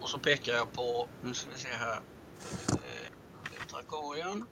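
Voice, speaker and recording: A man playing a tabletop game, animated and now and then bursting into shouts. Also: mid-range voice, noisy background. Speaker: player.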